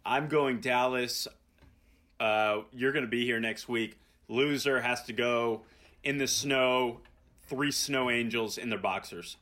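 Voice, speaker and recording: A man's voice: medium pitch, takes it slowly, pushed and bright. A man co-hosting a casual sports podcast, his voice scratchy and tired, with laid-back, easygoing banter. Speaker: podcast co-host.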